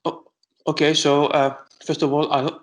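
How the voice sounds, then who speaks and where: A middle-aged man from Greece, an astronomer answering interview questions with many pauses and restarts. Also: fairly high pitch, little pitch movement, low-quality recording. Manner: hesitant, many fillers and restarts.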